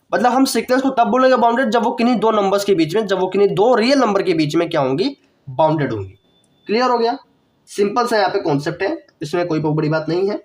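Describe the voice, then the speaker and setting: Young man, fairly high voice, slight cough, math teacher, step-by-step lecture, repeats phrases. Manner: explains step by step, repeats key phrases, asks questions to the viewer. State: has a cough, feeling unwell. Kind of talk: recorded online lecture.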